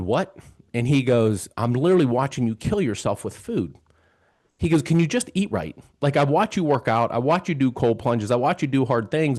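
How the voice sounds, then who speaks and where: A man's voice: mid-range voice, darkish tone. A man in his fifties hosting a show, casually and earnestly telling a personal story and retelling dialogue as he goes. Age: 50s. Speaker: host.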